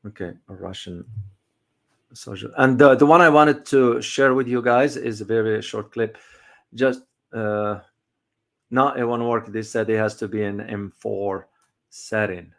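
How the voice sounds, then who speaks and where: A middle-aged man hosting a casual community livestream, talking in a halting way with many fillers and restarts. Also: lowish voice, fairly even intonation, creaky. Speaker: host.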